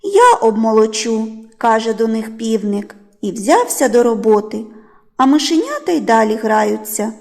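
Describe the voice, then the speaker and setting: A woman preschool teacher telling a fairy tale to young children in a slow, coaxing, sing-song way. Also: fairly high pitch, expressive, vocal fry, a little mellow.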